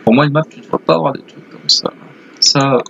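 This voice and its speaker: A man's voice: a little high, steady tone, fairly quick, vocal fry, background noise. A man hosting a gaming video with casual, rambling commentary. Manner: rambling, chatty. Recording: faint game ambience behind voice. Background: video game sounds.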